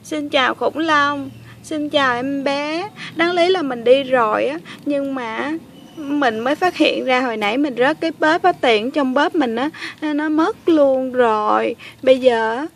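A woman's voice: sits high, a little slow, a little hiss or hum. A woman voicing a whiny, dramatic doll lady who pleads and cries. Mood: pleading. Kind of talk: toy play voice acting.

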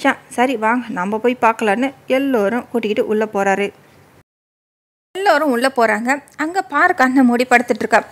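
A woman's voice: on the high side, moderate pace. A woman narrating a serialized story in a casual reading style, mixing in English words and voicing every character's lines in her own voice.

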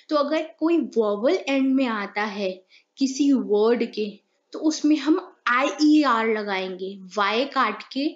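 A woman's voice: on the high side, lo-fi sound. A woman teaching a grammar lesson, explaining step by step and asking and answering her own questions.

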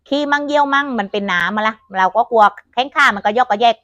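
Loud, quick older woman. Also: fairly high pitch, dry recording. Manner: loud and clear, chatty. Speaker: buffalo farmer. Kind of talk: casual chat on camera. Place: outdoors at a buffalo pen.

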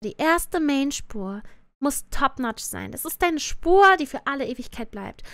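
Cute anime streamer girl, adult woman, really high voice, dry close mic, ranting casually with english slang. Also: very animated, a little slow, fairly bright tone, no room sound. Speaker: VTuber streamer reviewing a cartoon song dub. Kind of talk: casual reaction commentary on a livestream.

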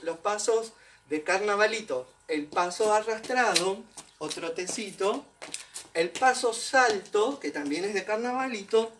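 A man's voice: high voice, a bit bright. Man teaching dance, heard from afar. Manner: demonstrates steps while counting aloud and vocalizing rhythms. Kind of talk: online dance class instruction. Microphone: camera set back from the dancer. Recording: distant mic with faint background noise.

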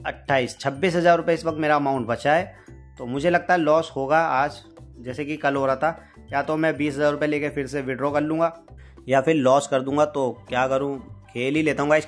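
A man giving casual, chatty commentary over his own slot game session, speaking frankly to his viewers about wins and losses. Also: medium pitch. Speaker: gaming YouTuber.

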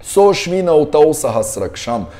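Man, mid voice, slow lively melodic chant of verses. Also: fairly high pitch.

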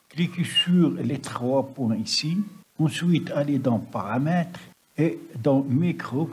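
A man with a husky, rough voice narrating a step-by-step screen-recording tutorial. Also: mid-range voice, warm tone. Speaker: software tutorial presenter. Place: voice-over on a computer screen recording.

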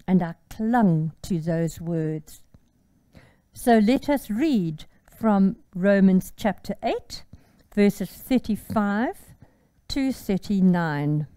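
An older woman, gently and earnestly leading a recorded devotion. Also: mid-range voice, dry recording. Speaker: devotion leader.

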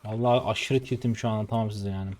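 A man's voice: lowish voice, steady tone, very fast, a little mellow. Young male game streamer from Turkey, exasperated live commentary, grumbling with flare-ups. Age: 20s. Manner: exasperated, frustrated muttering and outbursts.

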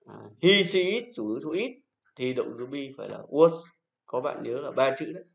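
A man's voice: medium pitch, sing-song, normal speed, gravelly. Patient male teacher in an echoey classroom. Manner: patient, repeats rules and praises pupils. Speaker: English teacher. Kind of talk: classroom lesson. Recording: echoey room, dull lo-fi sound.

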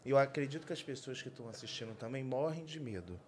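A man taking part in a podcast chat, asking a guest animated, joking questions. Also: medium pitch, fast talker, a little hiss or hum.

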